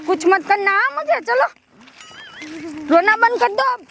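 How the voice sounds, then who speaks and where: A woman playing a village woman in a rural comedy sketch, calling out loudly and dramatically. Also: very high-pitched, animated, unhurried, vocal fry, slight background noise.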